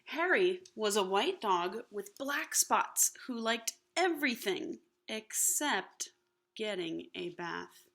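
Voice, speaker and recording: Woman doing an expressive storybook read aloud for kids, voice goes up and down a lot, little hushed asides. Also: medium pitch, slow pace, vocal fry. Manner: animated, with hushed asides to the listeners. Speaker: storybook reader. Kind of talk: expressive read-aloud of a children's picture book.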